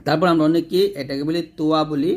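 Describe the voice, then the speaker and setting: A man's voice: on the high side, fairly even intonation, fast. A man teaching Quran letter pronunciation step by step, sounding out each letter and answering his own questions.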